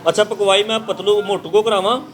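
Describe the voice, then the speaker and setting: A high-pitched man plays a brash, teasing caterer in a comic sketch. He mocks and jokes while taking down an order. Steady noise sits behind his voice. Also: quick pace, rough recording.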